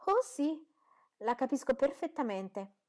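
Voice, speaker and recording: A woman reading an audiobook, voicing a witty, lively young woman who speaks in a spirited, quick-witted way. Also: sits high, pitched above the performer's own voice.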